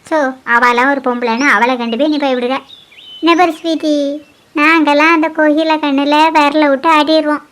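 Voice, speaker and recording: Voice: high-pitched, fairly even intonation, moderate pace, a bit bright. Someone voicing bold teasing village girlfriends. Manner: teasing, questioning.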